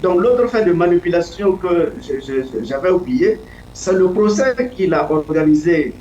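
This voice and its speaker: A man speaking as a political commentator in an interview, earnest and deliberate, often pausing to search for his words. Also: sits high, lively intonation, darkish tone, slight background noise. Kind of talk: analytical interview answer. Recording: echoey, distant, dull lo-fi sound.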